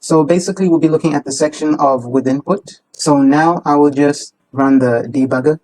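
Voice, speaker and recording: A young man from Kenya, a student, calmly explaining code while running a debugger. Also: a little high, normal speed, poor audio. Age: young adult. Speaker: student presenter. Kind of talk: class project presentation.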